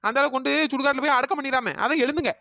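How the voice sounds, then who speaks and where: A woman's voice: high voice, racing, bright, forceful tone, no room sound, muffled recording. A woman voicing a lazy, cheeky village woman in a cartoon, speaking in a with an easy, teasing manner. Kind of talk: cartoon voice acting.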